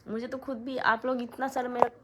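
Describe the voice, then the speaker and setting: Speaking a little fast in a fairly high, level voice, a young vlogger addresses her audience directly, chatty and aggrieved. Her phone camera is held close as she records in a small room at home with the fan off, and there's heavy background noise.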